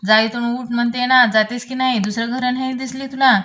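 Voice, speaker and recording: A woman's voice: on the high side, steady tone, brisk, a bit bright, slight background noise, lightly acted. A woman reading the lines of a proud, haughty young queen, harsh and dismissive. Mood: contemptuous.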